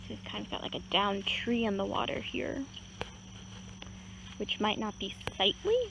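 A woman's voice: medium pitch, normal speed, dull audio. Chatty woman outdoors, crickets behind. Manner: relaxed, chatty, many fillers and hedging words. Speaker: nature guide. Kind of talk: casual outdoor nature walk explanation. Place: outdoors beside a pond. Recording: outdoor recording with clear insect and cricket noise. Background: crickets and insects in a rural setting.

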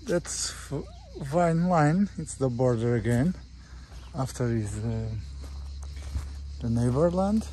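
With a lively intonation and a dark tone in a mid-range voice, a Portuguese man walks viewers around a farm property as an estate agent. His English is simple and halting, made of short phrases. He records outdoors on a handheld phone or camera, picking up faint background noise.

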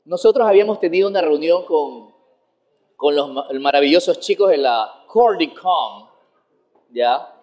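A man's voice: fairly high pitch, measured pace. A man, a guest comedian chatting in an interview, rambling and laughing as he talks. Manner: animated, rambling, laughs while talking. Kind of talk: casual interview chat.

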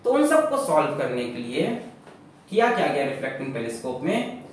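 A man teaching a physics lecture, lively and full of rhetorical questions, mixing English terms into his explanation. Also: on the high side, moderate pace, a little hiss or hum. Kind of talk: classroom lecture. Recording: echoey classroom from far off.

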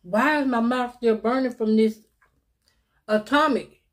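A woman's voice: on the high side, unhurried. A woman, chatting casually to viewers while eating in a mukbang vlog, calling them y'all and little sis. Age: 50s. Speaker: mukbang vlogger.

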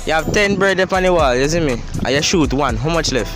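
A man's voice: fairly high pitch, expressive, quick pace, music in the background. A teenage boy with a Jamaican accent asking playful trick questions outdoors at a school. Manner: playful, laughs at answers, patois catchphrases. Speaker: interviewer. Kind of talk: street interview.

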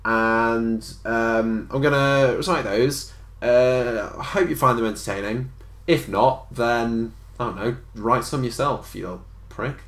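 A man's voice: mid-range voice, unhurried, a bit bright. A young man hosting a casual chat with dry, teasing humour. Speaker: host. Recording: echoey room.

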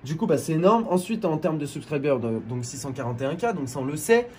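A man's voice: a little high, very animated, fast, mellow, slight background noise. A man from France, a YouTuber co-host, casually explaining things to his viewers with many restarts and fillers.

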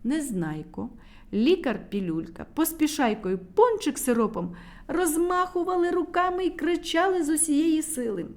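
High, lively woman reading a children's tale. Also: moderate pace. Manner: lively, dramatic storybook reading. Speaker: storyteller.

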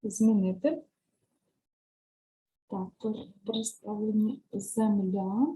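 Warm-voiced woman walking through a screen demo. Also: medium pitch, steady tone, extremely slow, low-quality recording. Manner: talks through clicks step by step, often asks "right?"; explains language lesson tasks patiently. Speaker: teacher trainer. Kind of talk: screen-share software tutorial.

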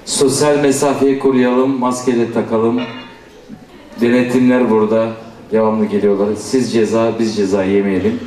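Guy hosting a wedding, telling guests what to do, normal pitch, echoey hall. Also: level tone, normal speed, dark tone. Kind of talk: informal instructions to guests. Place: large indoor wedding hall. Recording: echoey hall PA, distant mic.

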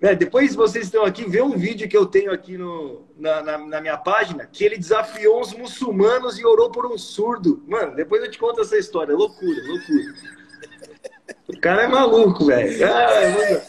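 A young man in his twenties with a Brazilian accent, telling a story as a guest in a casual, slangy, animated way. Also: sits high, brisk, a little hiss or hum, low-quality recording. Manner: slangy, animated, peppered with "mano" and "velho". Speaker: guest preacher.

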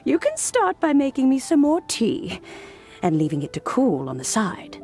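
A woman voicing a kindly old grandmother in a video game, fond and gently teasing. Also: high voice, huge pitch swings, moderate pace, gravelly, soft background music, full character voice. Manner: warm, fond, amused.

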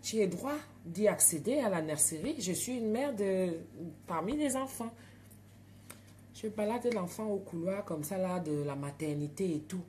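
A woman's voice: medium pitch, measured pace, slight background noise. Chatty African French woman on a live stream. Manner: chatty, animated, talks straight to viewers. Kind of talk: casual storytelling live stream. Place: home at night.

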